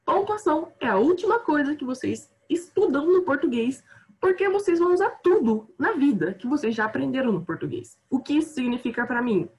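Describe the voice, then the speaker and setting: A woman from Brazil teaching grammar online in a chatty, self-deprecating way, with a slightly high voice. She sounds tired, and her voice often trails off quietly as she works through the lesson. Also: big pitch swings, fairly quick.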